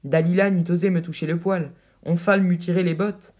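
A man's voice: high-pitched, steady tone, a little fast, a little mellow, lightly acted. A man voicing a boastful, swaggering braggart captain with pompous, grandiloquent bluster in an audiobook reading. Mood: pompous boasting.

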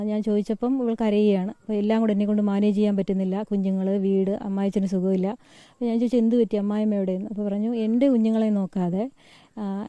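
A woman from Kerala recounting a friend's troubles to a reporter, halting often with fillers and restarts. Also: medium pitch, mellow, no room sound. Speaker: friend giving an interview.

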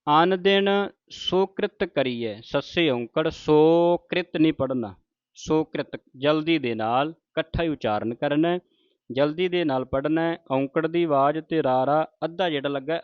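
Man, scripture pronunciation lesson, slow careful recitation, dry muffled recording. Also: fairly high pitch, clear, resonant tone, no echo. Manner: recites verses very slowly and deliberately, then explains in plain speech. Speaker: Gurbani pronunciation teacher.

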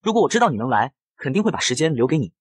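A man's voice: fairly high pitch, very animated, racing, breathy edge, no room sound, clean studio sound. Man voicing a scheming rich young charmer. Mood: coaxing. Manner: coaxing, pleading, softly persuasive.

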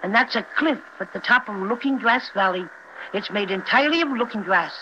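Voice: mid-range voice, animated, fairly quick, close to an everyday voice. An actor playing a small, folksy, fussy toy bear guiding children in 1930s radio style. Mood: chatty. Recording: dull, noisy 1930s radio recording.

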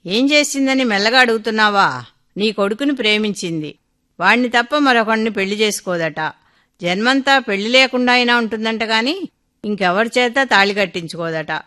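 An anxious, remorseful older father, worried and unsure as a woman narrator voices him. The tone is bright and sharp, read out as a radio story. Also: on the high side, animated, moderate pace. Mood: agitated. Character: older man, guilt-ridden anxious father. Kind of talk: storybook reading.

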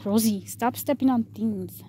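Mom exploring, kinda high voice, careful and bossy, bit of noise outside. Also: female voice, a little slow, dark tone. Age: adult, mother of the children. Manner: cautious, giving short warnings and orders. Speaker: mother leading an exploration. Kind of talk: casual handheld exploring vlog. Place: abandoned concrete ruins outdoors at night. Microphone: handheld phone camera. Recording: noisy outdoor handheld recording.

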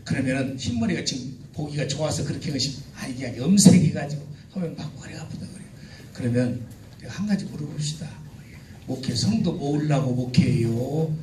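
A middle-aged man leading a joking, teasing seminar for a church crowd, sometimes shouting out cheers for the audience. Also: on the high side, fairly quick. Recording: echoey hall, distant mic, noisy.

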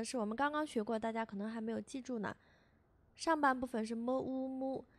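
In this scripted voice-over for beginners, a woman language teacher speaks in a somewhat high voice and patiently repeats every syllable at a slow pace for learners to follow. It's a dry, close recording without any room sound.

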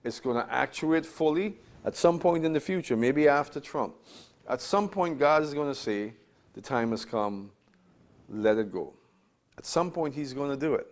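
A man's voice: medium pitch, expressive, normal speed. A man in his fifties giving a Bible class lecture, emphatic and repetitive, asking rhetorical questions while standing at a lectern in a small room. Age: 50s. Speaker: Bible teacher.

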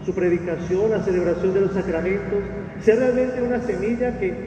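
A middle-aged man, a priest, giving a funeral homily in solemn, halting phrases. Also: sits high, fairly even intonation. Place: inside a church. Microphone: gooseneck lectern microphone. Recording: echoey church, distant mic, dull, noisy.

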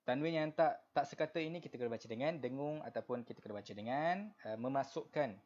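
A man with a Malaysian Malay accent teaching Quran recitation, explaining patiently with lots of repetition and fillers, then chanting verses slowly. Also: mid-range voice, darkish tone, dull audio. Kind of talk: online Quran recitation lesson.

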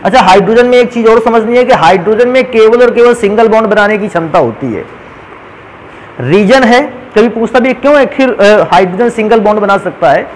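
Male chemistry teacher, high pitch, patient step-by-step board explanations, light background noise. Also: lively intonation, fairly quick, poor audio. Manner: explains step by step, calls students "beta". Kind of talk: whiteboard lesson.

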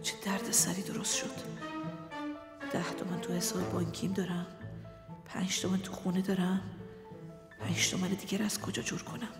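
A woman's voice: on the low side, level tone, pauses often, music in the background, close to an everyday voice. An actress playing a middle-aged female psychologist who talks to her patient in a soothing, coaxing way. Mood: muttering. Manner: soothing, coaxing therapist talk. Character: middle-aged female therapist, sweet-talking but scheming. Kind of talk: film acting.

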